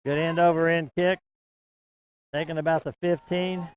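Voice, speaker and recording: A man's voice: on the high side, normal speed, highs cut off, slight background noise. Chatty small-town football announcer, man. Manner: folksy, chatty, rising excitement on big plays. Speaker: play-by-play announcer. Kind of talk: local high school football commentary. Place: outdoor broadcast stand at a football field.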